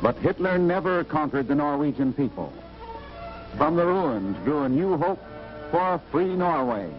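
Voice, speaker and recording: A man's voice: a little high, lively intonation, normal speed. A man giving formal, scripted narration in an old newsreel. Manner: formal, declamatory. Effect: old newsreel recording. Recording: dull lo-fi 1940s newsreel audio with music. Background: music score.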